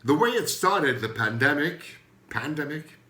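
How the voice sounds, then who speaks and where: A man's voice: a little high, animated, measured pace, sharp tone. Older Turkish-accented man joking in an echoey room. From Turkey. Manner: rambling, joking, loses his thread. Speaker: comedian host. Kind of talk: comedic monologue.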